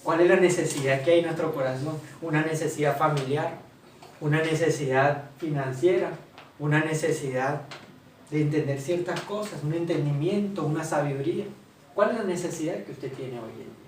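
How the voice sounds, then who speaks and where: A man's voice: fairly high pitch, moderate pace, slight background noise. A man preaching a sermon, asking questions and answering them himself. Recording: roomy hall, voice from far off, faint ambience.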